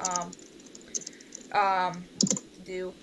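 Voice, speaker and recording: With a fairly low pitch and a totally flat, very slow delivery, a woman directs a voice cast meeting held informally online. She rambles hesitantly and often trails away, and the amateur voice-call recording is noisy.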